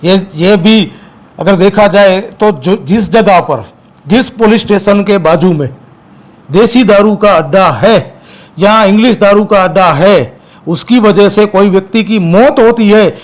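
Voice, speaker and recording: Speaking in a high but unhurried voice, an activist guest from Gujarat makes forceful accusations in a heated interview and keeps going back over the same points.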